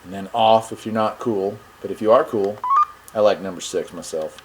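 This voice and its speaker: Speaking at a normal speed in a low-leaning voice, the host of a radio review channel demonstrates a product. His manner is homespun and casual, voicing his thoughts as he handles the device. There's constant background noise, but the audio stays clear.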